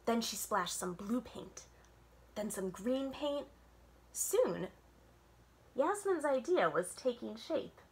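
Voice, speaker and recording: Reading a storybook aloud with expression, a woman in her thirties, a children's librarian, speaks in a sing-song voice on the high side. She takes it slowly and pauses often. She's indoors at home among bookshelves, recorded by a webcam at desk distance.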